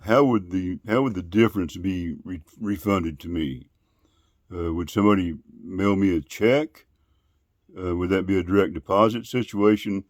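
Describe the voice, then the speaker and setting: A man in casual phone conversation, asking questions in a polite, deliberate, long-winded way. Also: deep voice, no room sound, clean studio sound. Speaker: call recipient.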